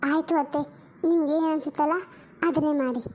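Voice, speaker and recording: Someone voicing gentle young Kavya. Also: high-pitched, steady tone, a little fast, crowd noise, pitched below the performer's own voice, natural voice. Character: soft-spoken young woman, Kavya. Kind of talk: family drama voice acting.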